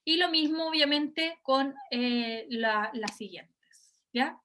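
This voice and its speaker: A woman with a high voice teaches a university class. She walks through the material step by step in an explanatory way. She keeps pausing to check in with her students. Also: pushed and bright, a little hiss or hum. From Chile. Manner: explanatory, often checking in with a questioning "ya?". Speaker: university lecturer. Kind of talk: recorded class lecture.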